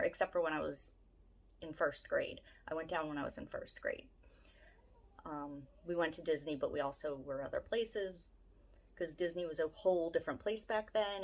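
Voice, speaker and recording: A woman about to turn fifty with a Philadelphia-area accent, chatting casually to camera in a rambling, self-deprecating way. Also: lowish voice. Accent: Philadelphia-area American. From Southeast Pennsylvania, USA. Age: late 40s, turning fifty. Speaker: vlogger.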